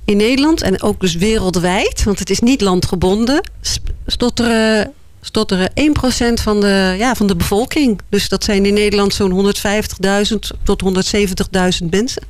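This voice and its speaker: A woman answering interview questions in a thoughtful, hesitant way, often pausing with fillers. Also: medium pitch, no room sound. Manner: thoughtful, hesitant, many "eh" and "ja" pauses. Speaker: board member of a foundation, interview guest.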